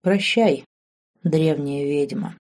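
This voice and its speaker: Woman reading calm thirties male grand master, quiet, low, mellow, audiobook. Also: takes it slowly.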